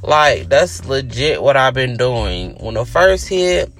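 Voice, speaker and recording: A man's voice: medium pitch, sing-song, slow, fairly bright tone. A man hosting his own podcast, talking earnestly and reflectively in a casual, conversational way. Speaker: podcast host. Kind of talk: reflective solo podcast monologue.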